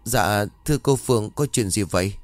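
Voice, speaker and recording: A meek young maid answers softly and stumbles over her words, as a male narrator puts her on. The sound is dry and close, with faint music behind it, like a horror audio story. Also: lowish voice, moderate pace, no room sound, natural voice. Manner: hesitant, deferential. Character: timid young woman maid, meek and obedient.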